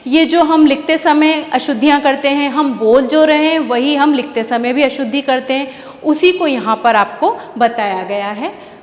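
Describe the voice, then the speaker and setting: A woman teaching a grammar lesson to children, slowly repeating and correcting each word. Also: sits high. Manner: slow, deliberate, repeats and spells out words. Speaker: school teacher. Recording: echoey room with long reverb.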